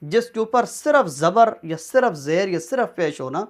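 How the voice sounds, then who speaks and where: A man teaching Quran pronunciation in a patient way, drawing letters out slowly and checking in often. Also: sits high, expressive. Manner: patient, repeats letters slowly and drawn out, checks with "theek hai". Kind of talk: Quran recitation lesson.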